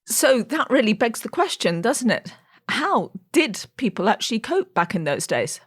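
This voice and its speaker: A woman's voice: a little high, very animated, normal speed, slightly rough. A middle-aged woman hosting a podcast, talking in a conversational way and linking the guest clips. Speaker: podcast host.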